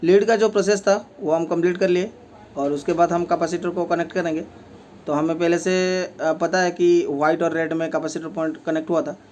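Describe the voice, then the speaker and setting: Man, repair tutorial, slightly high voice, monotone, plain explaining with fillers. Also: slight background noise. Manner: speaks while working with his hands. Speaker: fan repair technician.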